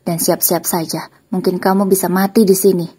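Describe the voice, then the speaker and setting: A woman's voice: lowish voice, level tone, fairly quick, dark tone, husky. Woman playing a coldly furious betrayed husband. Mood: threatening. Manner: stern, threatening. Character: betrayed husband, cold and angry.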